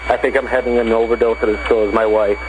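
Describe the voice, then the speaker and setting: A man's voice: mid-range voice, flat delivery, fast talker, noisy background. A man pleading for help as a caller on a recorded emergency phone call.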